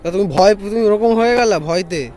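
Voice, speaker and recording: A man's voice: sits high, fast talker, over music. A man vlogging casually outdoors who keeps repeating himself insistently. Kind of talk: casual vlog chat.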